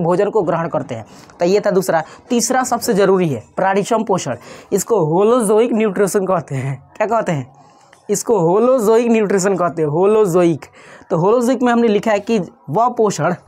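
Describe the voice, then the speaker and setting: A woman science teacher gives an explanatory online class lecture in a conversational style, posing and answering her own rhetorical questions and often checking in with "ठीक है". Her voice is mid-range and a little mellow.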